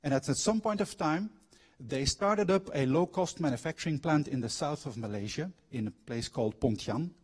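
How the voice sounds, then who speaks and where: A middle-aged man of Belgian origin who grew up abroad gives a public lecture in a university lecture hall, his voice a little high, darkish and husky, with lively intonation at a moderate pace. A former factory manager and trained coach, he shares personal anecdotes and puts questions to the audience.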